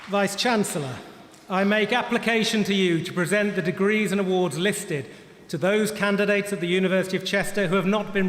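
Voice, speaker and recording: A man's voice: high-pitched, fairly bright tone. A man making a formal podium speech as a ceremony announcer presenting graduates. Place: large ceremony hall, amplified. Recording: echoey hall, crowd and background noise.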